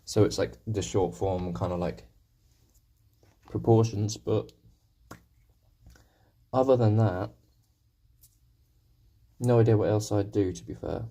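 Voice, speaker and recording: His fairly low, dark voice is steady, slow, and gravelly-husky from a sore throat, and he pauses often. The young man chats casually with stream viewers while painting, rambling and putting himself down in jest.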